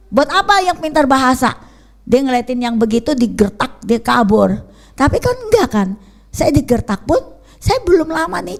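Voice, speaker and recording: An older woman from Bangka preaching a testimony sermon, telling stories in a lively way and often asking the congregation "ya kan?". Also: high-pitched, creaky. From Pangkal Pinang, Bangka, Indonesia. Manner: lively storytelling with frequent rhetorical "ya kan?". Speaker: preacher, evangelist.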